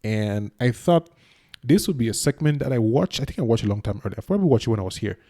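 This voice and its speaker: A man's voice: medium pitch, lively intonation, fast talker, mellow. A young man from Cameroon, hosting his YouTube channel with casual, self-deprecating reaction commentary. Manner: chatty, self-deprecating, talks to the viewer.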